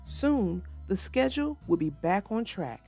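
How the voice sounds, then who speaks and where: A woman narrator and host reads and chats theatrically for young children, speaking directly to her young readers. Her medium-pitched voice is warm and sing-song, unhurried, with soft music in the background.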